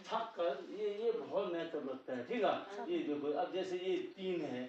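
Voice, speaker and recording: A man's voice: on the high side, expressive, a little slow, darkish tone. Male language teacher, patient classroom delivery, dull distant recording. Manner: patient, repeats "ठीक है" often, checks understanding. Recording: echoey room, distant mic, dull sound.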